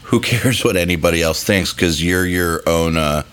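A man's voice: low-pitched, moderate pace, fairly bright tone, clear, resonant tone. A man co-hosting a podcast, talking casually and earnestly in a conversational interview. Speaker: podcast co-host and musician.

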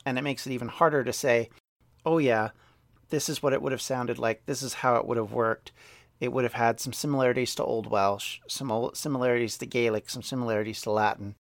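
A man of ordinary pitch talks through history as a podcast host, thinking aloud and now and then restarting a word. He slows down to lean on important points. His voice is recorded close and dry, with no room sound. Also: steady tone, no echo. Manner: thoughtful, restarts mid-word, slows to stress key words. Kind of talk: unscripted history explainer.

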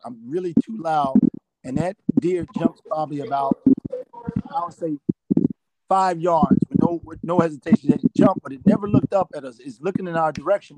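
A man's voice: fairly high pitch, background noise. A middle-aged man telling rambling hunting anecdotes as a guest, often repeating "I said.". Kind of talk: storytelling anecdotes.

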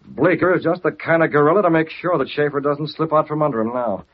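An actor playing a confident, earnest newspaper publisher who is secretly a vigilante, in 1940s radio style. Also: male voice, fairly high pitch, steady tone, fast, lightly acted. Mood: resolute. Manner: decisive, earnest. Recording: muffled old radio recording.

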